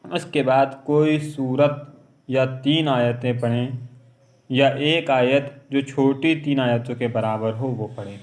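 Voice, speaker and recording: A man teaching how to pray, explaining each step and repeating it, then reciting Arabic verses in a slow chant. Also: medium pitch, fairly even intonation, darkish tone. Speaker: religious teacher. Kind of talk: instructional lesson on prayer.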